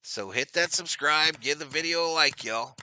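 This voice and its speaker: A man doing casual live-stream baseball play-by-play, chatting with viewers and getting loud on big plays. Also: a little high, normal speed, slight background noise.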